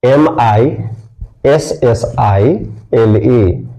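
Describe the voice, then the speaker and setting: A man gives a spelling lesson at an unhurried pace, spelling words out letter by letter. His voice is dark and gravelly, with a mellow tone. He repeats each word and quizzes his listeners as he goes. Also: medium pitch, low-quality recording. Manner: slow, repeats words and asks the class. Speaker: English teacher.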